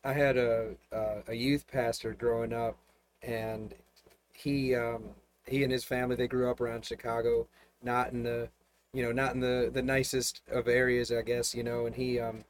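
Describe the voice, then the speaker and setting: Relaxed chatty man, mid-pitched voice. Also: moderate pace. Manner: rambling, relaxed storytelling with frequent laughs. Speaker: host and pastor. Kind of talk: casual conversation.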